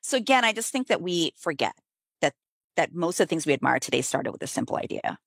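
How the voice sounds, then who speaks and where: Speaking quickly with vocal fry, a middle-aged American business author chats casually during an interview. She leans heavily on "like" and fillers, her pitch leaping up for sudden emphasis, and the recording has no room sound.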